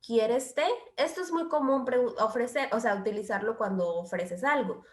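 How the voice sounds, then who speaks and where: Woman teaching English grammar, echoey room. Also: a little high. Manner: explains slowly, switching between Spanish and English, checks understanding. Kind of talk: bilingual grammar lesson.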